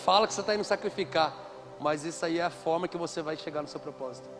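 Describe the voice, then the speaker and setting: A man's voice: fairly high pitch, fast, music in the background. A man preaching a conference sermon into a handheld microphone, telling stories with playful asides. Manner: lively storytelling with playful asides.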